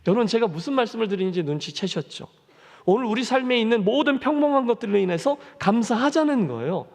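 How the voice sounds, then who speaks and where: A man's voice: very high voice, lively intonation, fast talker, gravelly, a little mellow. A man preaching a sermon as pastor, telling a story earnestly and speaking straight to the congregation. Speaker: senior pastor. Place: church sanctuary. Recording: long reverb of a church hall.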